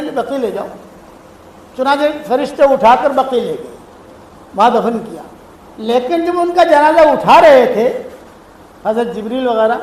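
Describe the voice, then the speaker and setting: Male preacher, very high voice, storytelling sermon, keeps asking the crowd to commit, echoey room. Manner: repeatedly asks the listeners to promise; storytelling with slowed, drawn-out phrases. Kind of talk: religious sermon.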